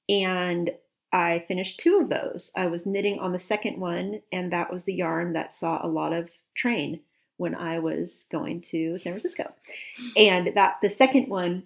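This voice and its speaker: A woman with a lowish, gravelly voice talks through her finished knits with easy enthusiasm. As a podcast co-host in casual chat about knitting, she sounds a bit sniffly and lingers over details.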